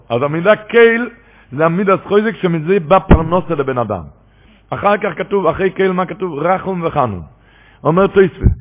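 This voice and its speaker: Male Torah teacher, gravelly and husky, emphatic lecturing, tinny radio sound. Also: high-pitched. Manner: animated, rising to emphatic preaching. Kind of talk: religious lecture on Talmud commentary. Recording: tinny phone-line radio broadcast.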